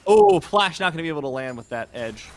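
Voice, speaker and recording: A man giving chatty, joking color commentary on a high school esports match. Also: animated, fast. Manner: chatty, joking, laughs often.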